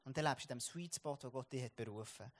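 A man's voice: mid-range voice, fast. A man with a Swiss German accent preaching a sermon, telling an everyday story and often restarting his words.

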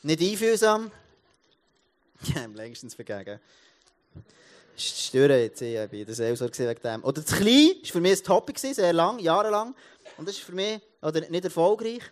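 Swiss German preacher man, pitch a bit high. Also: brisk. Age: 30s. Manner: lively storytelling, many restarts and repeated words. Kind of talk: casual sermon.

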